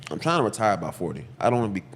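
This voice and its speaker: A man's voice: lowish voice, very animated, a little hiss or hum. A young man, chatting casually and loosely about his barbering work. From Texas. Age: 20s. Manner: slangy, loose, talks in quick bursts with repeats. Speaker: podcast guest, barber. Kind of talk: casual chat.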